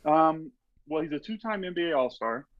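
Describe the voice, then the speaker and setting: A man's voice: fairly high pitch, lively intonation, moderate pace, no room sound. Chatty man, rambling fillers, dull dry sound. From Texas. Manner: rambling, lots of "like" and "you know". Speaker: podcast guest, strength coach. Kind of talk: casual podcast storytelling.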